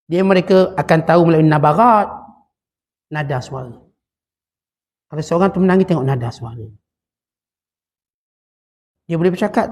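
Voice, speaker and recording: A man's voice: a little high, slightly rough. A middle-aged Malaysian man with a Malaysian Malay accent, teaching a religious sermon and telling stories with quoted dialogue. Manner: storytelling, animated, with quoted dialogue.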